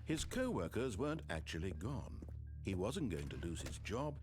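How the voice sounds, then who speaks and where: Posh, theatrical male game narrator; low, very lively delivery over game music. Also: moderate pace. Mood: wry. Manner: crisp storybook narration, dramatic swings.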